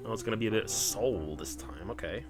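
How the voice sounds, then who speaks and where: A man's voice: fairly low pitch, fast. A man streaming a game live, chatting casually and asking rambling, curious questions, with game music in the background. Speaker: VTuber streamer. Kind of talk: casual live gameplay commentary.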